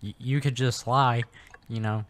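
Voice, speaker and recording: A man's voice: mid-range voice, fairly even intonation, measured pace, very noisy. A man casually commenting as he plays a chat game, reading messages aloud with joking asides. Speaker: let's play gamer. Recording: loud keyboard typing behind.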